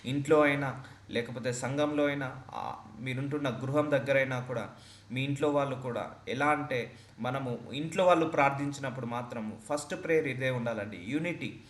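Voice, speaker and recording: A man's voice: mid-range voice, normal speed, reverberant. A man preaching a sermon as a pastor, earnest and repetitive for emphasis.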